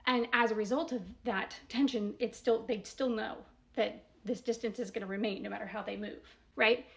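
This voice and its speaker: A woman with a slightly high, gravelly voice speaks at a normal speed with fairly even intonation. She's a commentator casually breaking down a voicemail, working through it step by step with emphasis. She poses probing rhetorical questions and keeps checking in with "right?"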